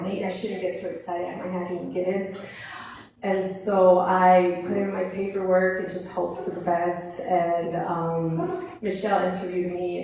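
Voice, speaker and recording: Shy apprentice woman, hesitant speech, low flat voice, echoey hall, distant mic. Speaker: new apprentice giving a speech. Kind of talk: personal speech at an event. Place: event hall. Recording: echoey room, mic far off.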